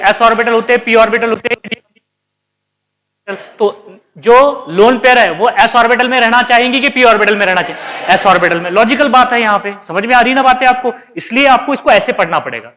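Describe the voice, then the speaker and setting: Here the same chemistry lecture comes in a very high voice, brisk, bright and forceful. He fires questions at the class, supplies the answers himself, and reprimands students who drift off.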